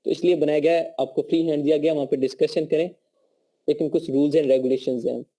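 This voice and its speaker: Hoarse Pakistani man teaching an online class. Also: on the high side, steady tone, fairly quick, mellow. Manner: conversational teaching, frequent check-ins. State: sore throat, coughing. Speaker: online course instructor. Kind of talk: live online class lecture.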